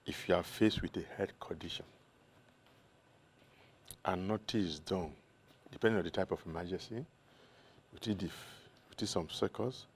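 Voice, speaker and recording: A man with a Nigerian accent, a doctor answering interview questions in a measured way that lists examples one by one. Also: low-pitched, vocal fry, darkish tone, a little hiss or hum. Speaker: doctor, consultant guest.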